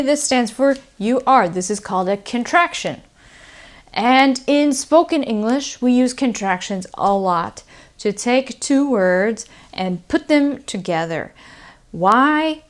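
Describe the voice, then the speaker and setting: A woman with a standard American accent teaching English pronunciation in a conversational, explanatory way, often checking in with the listener. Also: a little high. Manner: explanatory, often checks understanding with "okay?" and "right?". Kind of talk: conversational video lesson.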